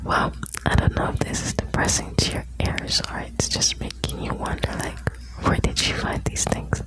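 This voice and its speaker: A woman whispering close to the ear in an intimate, soothing ASMR style, reading out short lines and chatting softly to the listener. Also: normal speed, poor audio. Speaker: ASMR host reading quotes.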